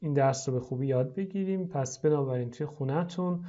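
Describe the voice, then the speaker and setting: A teacher explaining an English lesson in Persian, stretching out English phrases slowly for students to repeat. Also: mid-range voice, dark tone, muffled recording. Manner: explains slowly, then models English words drawn out for repetition.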